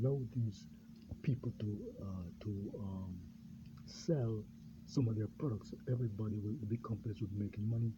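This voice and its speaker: A man from Jamaica, a pastor, talking in a rambling unscripted monologue, halting and full of fillers and repeated words. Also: lowish voice. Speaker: pastor and self-styled candidate. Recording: dull lo-fi recording with clear background noise.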